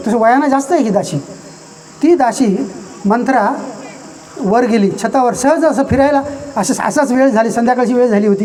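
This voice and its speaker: A man's voice: very high-pitched, darkish tone. A man telling a devotional epic story in a conversational, explaining way, with asides to the listeners. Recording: distant mic, faint noise.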